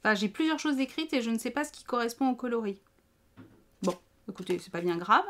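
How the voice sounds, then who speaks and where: A woman's voice: on the high side, animated, fast talker, fairly bright tone, slight background noise. A woman with a French accent chatting casually to camera about knitting, rambling and self-mocking with many fillers. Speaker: knitting vlogger.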